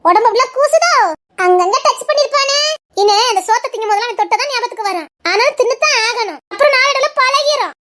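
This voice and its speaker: An actress with a Tirunelveli Tamil accent playing a sharp-tongued, scolding mother in a family drama. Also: extremely high pitch, expressive, fast, exaggerated voice. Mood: taunting. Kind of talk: dramatic serial acting.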